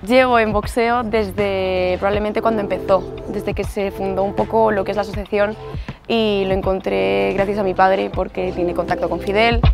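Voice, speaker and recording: A teenage girl speaks matter-of-factly with a gravelly, creaky voice and a few hesitant fillers. Music plays clearly underneath. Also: medium pitch, fairly even intonation, moderate pace. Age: teens. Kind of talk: documentary interview.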